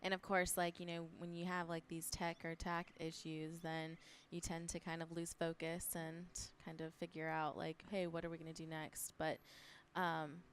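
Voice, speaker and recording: A woman's voice: deep voice, completely flat delivery, normal speed, hardly any pauses, a little hiss or hum. A woman giving casual color commentary on an esports match, chatty and easygoing. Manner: easygoing, chatty, laughs often, uses fillers. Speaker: esports co-caster.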